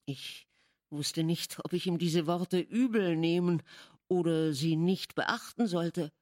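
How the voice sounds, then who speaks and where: A woman reading a classic novel aloud as an audiobook, in measured, dramatic storytelling. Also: lowish voice. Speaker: audiobook reader. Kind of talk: literary audiobook narration.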